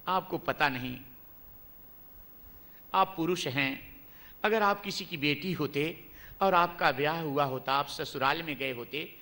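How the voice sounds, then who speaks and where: A man's voice: fairly high pitch, sharp tone. A man voicing a young goddess wife who earnestly pleads and insists with her husband. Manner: earnest, coaxing.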